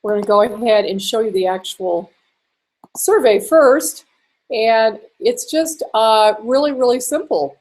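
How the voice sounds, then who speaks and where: A woman walking through a screen-share marketing tutorial in a chatty way, a little hoarse and clearing her throat now and then. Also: on the high side, measured pace, darkish tone. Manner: chatty, with fillers and small laughs. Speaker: online marketing instructor.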